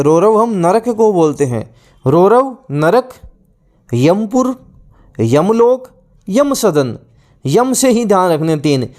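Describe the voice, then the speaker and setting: A man with a high voice teaches an exam-prep lesson. He drills each word list aloud, repeating items over and over. He keeps putting questions to the class and answering them himself. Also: a little mellow. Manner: asks and answers his own questions.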